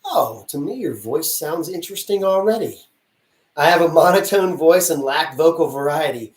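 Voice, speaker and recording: Recorded from a distance in a roomy space, a casting director gives actors blunt, chatty advice during a live Q&A, acting out little dialogues along the way. His voice sits on the high side, with lively intonation at a normal speed.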